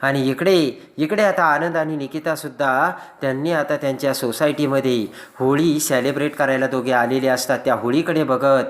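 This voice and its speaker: A man narrating a recap of a television serial episode, telling the plot quickly with restarts and filler words. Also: mid-range voice, fairly even intonation. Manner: rapid narration with frequent restarts and filler "now".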